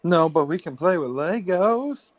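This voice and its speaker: A man's voice: high voice, expressive, unhurried, no echo. A man co-hosting a podcast, chatting playfully and giggling often. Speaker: podcast co-host. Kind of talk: casual chat.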